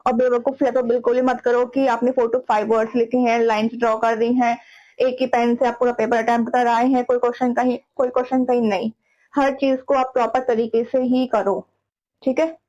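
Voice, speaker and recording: A woman's voice: a little high, little pitch movement, normal speed, darkish tone. A woman teaching students how to write exam papers, talking casually and frankly, scolding a little and often adding "theek hai". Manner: frank, scolding, repeats "ठीक है". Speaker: teacher giving exam tips. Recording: dull lo-fi recording.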